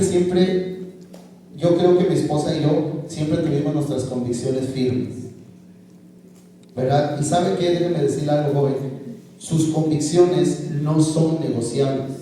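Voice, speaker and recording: A man's voice: fairly high pitch, dark tone, a little hiss or hum. A man giving an earnest personal testimony to a congregation, often checking in with "¿verdad?" as he tells his story. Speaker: church member giving a testimony. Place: large church hall. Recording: echoey hall from far off.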